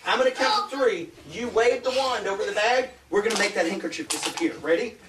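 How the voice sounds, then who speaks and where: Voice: medium pitch, fast, recorded from a distance. A party magician doing playful, teasing patter for children, often laughing between lines. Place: birthday party, indoors. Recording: roomy home video from afar. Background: loud chattering crowd and noise.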